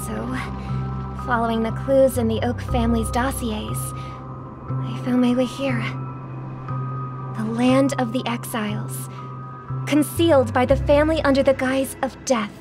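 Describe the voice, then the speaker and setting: An actress voicing a graceful young singer, speaking softly and earnestly in a video game. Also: female voice, a little high, steady tone, a little slow, pauses often, natural voice. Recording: game audio with music behind.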